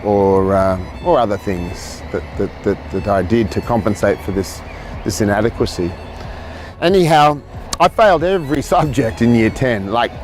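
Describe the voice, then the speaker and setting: A man's voice: mid-range voice, slight background noise. Australian man telling his story, rambling. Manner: rambling, repeats words, many fillers. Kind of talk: personal storytelling talk.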